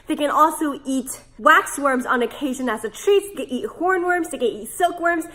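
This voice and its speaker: Female pet-care vlogger, high register, hoarse smoker's rasp from being sick, casual and playful. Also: normal speed, pushed and bright. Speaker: pet care video host. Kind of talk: casual instructional vlog.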